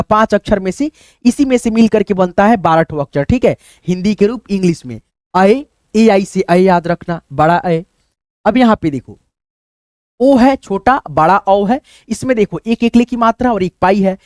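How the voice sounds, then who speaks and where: A man's voice: high-pitched, a little mellow, dry recording, clean studio sound. Chatty man teaching letters. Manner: chatty, keeps addressing listeners as friends and checking "okay?"; stretches out vowel sounds to demonstrate them. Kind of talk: screen-based language lesson.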